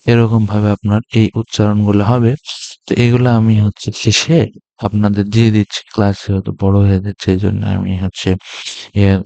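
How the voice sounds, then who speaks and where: A man teaching an online language class, explaining slowly and hesitantly with many fillers. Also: on the low side, flat delivery, vocal fry, mellow, no echo, dull audio. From Bangladesh.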